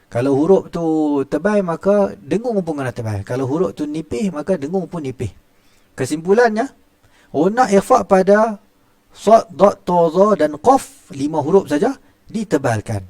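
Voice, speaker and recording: A middle-aged man with a Malaysian Malay accent teaches Quran recitation rules in a chatty classroom tajwid lesson, often opening lines with "ha" and demonstrating sounds. His voice is on the high side, sing-song, and a little mellow, at a moderate pace on a dry recording.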